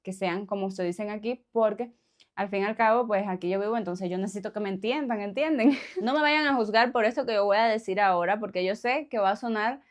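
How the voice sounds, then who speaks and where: A woman's voice: mid-range voice, fairly quick. A woman from Cuba with a Cuban accent, chatting casually to her viewers, laughing often and tossing in little questions. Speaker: vlogger. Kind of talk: casual chat to camera.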